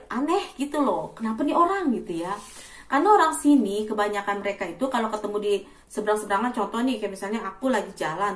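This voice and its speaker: A woman in her thirties in casual vlog chat, acting out loud greetings. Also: medium pitch, roomy sound, distant mic. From Indonesia. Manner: chatty, acts out loud greetings. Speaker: vlogger.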